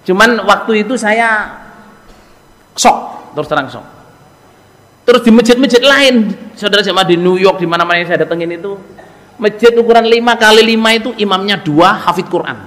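A man with a Javanese accent giving a lively storytelling sermon, joking with the congregation. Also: high-pitched, normal speed, long pauses. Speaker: preacher. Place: mosque. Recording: echoey hall reverb.

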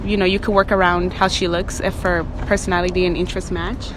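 A woman's voice: lowish voice, level tone, fast talker. A young woman interviewing students on a college campus, asking short questions into a handheld phone and laughing often. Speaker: street interviewer. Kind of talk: casual street interview. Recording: outdoor street noise.

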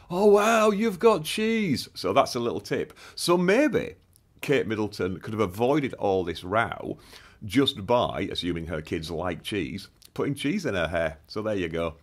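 A British man and barrister, talking in a rambling, chatty vlog from indoors with frequent ums and self-mocking asides. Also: fairly low pitch. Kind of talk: casual vlog talk.

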